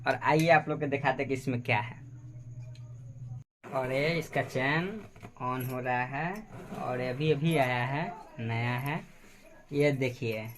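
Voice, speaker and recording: A man's voice: a little high, sharp tone, a little hiss or hum. A man hosting a casual product showcase vlog, talking chattily and directly to his viewers. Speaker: channel host.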